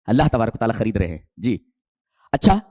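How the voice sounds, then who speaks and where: Man, preacher; lively sweeping delivery, rhetorical questions, dry close sound. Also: no room sound. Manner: animated, rising to high emphatic peaks then dropping low, rhetorical questions. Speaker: Islamic preacher. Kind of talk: Urdu sermon with Quranic exegesis.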